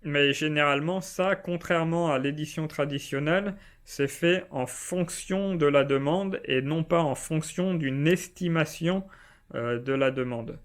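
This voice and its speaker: Chatty man explaining, smooth voice. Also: on the high side, a little slow. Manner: chatty, informal, addresses viewer as tu with fillers. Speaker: self-publishing video host. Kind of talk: casual explainer vlog. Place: indoors, not at home.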